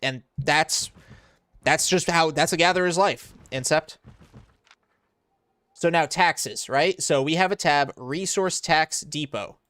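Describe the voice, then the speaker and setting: Speaking slowly in a fairly high, fairly bright voice, this young Floridian talks his way through a live game stream and answers his chat. He's chatty, explains what he's doing as he plays, and reads viewer messages out loud. The tone is clean, with no room sound.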